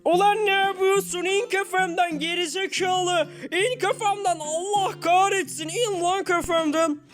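A performer voicing a furious, hot-headed young man in a block-game cartoon parody, shouting insults and threats. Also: very high-pitched, a little slow, soft background music.

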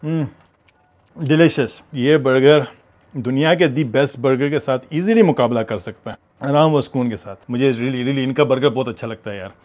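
A man in his thirties narrates a food vlog in a mid-range, darkish voice at normal speed. He's casual, chatty and enthusiastic, slipping English phrases in as he goes from a mall food court to a hotel room.

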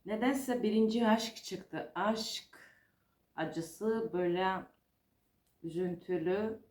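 A woman's voice: mid-range voice, slow, darkish tone. A woman fortune teller giving an informal, unscripted card reading, explaining hesitantly and repeating herself as she goes. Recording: roomy, echoing home-style recording.

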